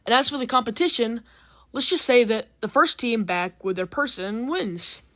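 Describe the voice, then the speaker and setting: A woman's voice: on the high side, lively intonation, normal speed, fairly bright tone, pitched above the performer's own voice. A woman voicing an optimistic male map of a state with an eager tone. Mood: upbeat. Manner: upbeat, eager.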